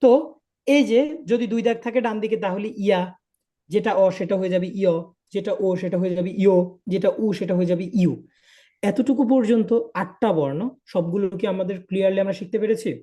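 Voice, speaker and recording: A man's voice: sits high, fairly even intonation, a little fast, warm tone. Patient man drilling a live class. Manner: patient, drills by repetition and checks understanding. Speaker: language teacher.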